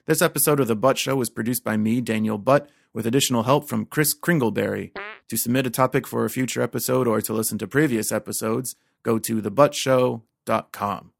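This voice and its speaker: Deadpan man with a gravelly, creaky voice. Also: medium pitch, fairly quick, dry recording, clean studio sound. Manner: deadpan mock-informative delivery. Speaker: podcast host. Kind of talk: scripted comedic monologue.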